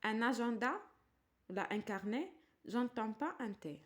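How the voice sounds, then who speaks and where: A woman with an Algerian accent teaching a slow primary-school French lesson, spelling out letters and words clearly and translating into Arabic. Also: on the high side, expressive.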